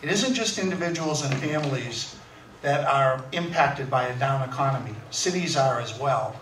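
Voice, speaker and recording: A man who is council president, answering at a candidates' forum in a hurried manner with many fillers. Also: medium pitch, lively intonation, fairly bright tone. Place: school hall, heard from afar. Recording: echoey hall, distant mic, faint noise.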